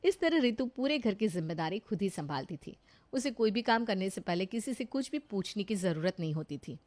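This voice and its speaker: A woman narrating a family story in a steady, explanatory storytelling manner. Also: medium pitch, fairly quick.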